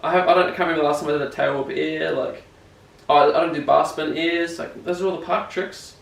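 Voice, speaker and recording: A man's voice: on the high side, steady tone, fairly quick, creaky. A young man with a broad New Zealand accent chatting casually as an interviewed rider, rambling, slangy and self-deprecating. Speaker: BMX rider being interviewed. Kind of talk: casual chat. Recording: echoey room, distant mic, faint noise.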